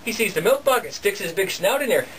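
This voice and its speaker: A man's voice: high-pitched, big pitch swings, fast, a bit bright. A man telling a folktale to a live audience in a bookstore, folksy and chuckling, with asides to his listeners. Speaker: storyteller. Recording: distant mic, faint room noise.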